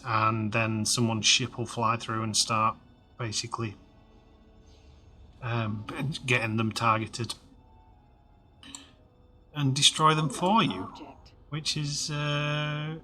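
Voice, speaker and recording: Slow, bright-voiced man rambling. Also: medium pitch, steady tone, slight background noise. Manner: rambling, chatty, many fillers and restarts. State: slightly hoarse. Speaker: game let's-play host. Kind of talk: casual gameplay commentary.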